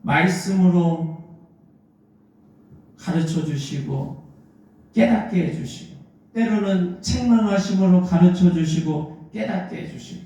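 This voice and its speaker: A man's voice: sits high, slow pace, pauses often, warm tone. A male pastor preaching a Sunday sermon in a church, telling the story and acting out the lines of the figures in it. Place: church sanctuary. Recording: echoey church hall.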